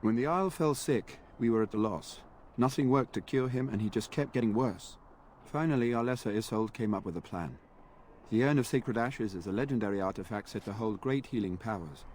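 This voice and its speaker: A man's voice: lowish voice, brisk, darkish tone, a little hiss or hum, close to an everyday voice. A man voicing a formal, dutiful knight. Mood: solemn. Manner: formal, courtly speech. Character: earnest knight sworn to a noble lord, weary and dutiful. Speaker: game character. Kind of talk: video game voice acting.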